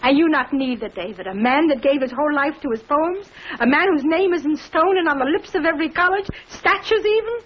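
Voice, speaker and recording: Earnest genteel housewife, highish voice. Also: female voice, lively intonation, fairly quick, hardly any pauses, muffled recording. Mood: indignant, scolding. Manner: quaint, formal turns of phrase. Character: earnest, genteel housewife, easily indignant, reveres poetry. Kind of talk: old-time broadcast comedy-drama acting. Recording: noisy vintage broadcast recording.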